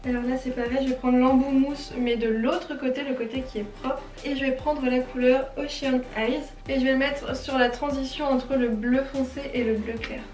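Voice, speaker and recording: A woman's voice: high-pitched, fairly even intonation, normal speed, hardly any pauses, darkish tone, roomy sound, distant mic, soft background music. A chatty French woman with a French accent, talking through a makeup tutorial and explaining each step with self-deprecating asides. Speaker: beauty vlogger.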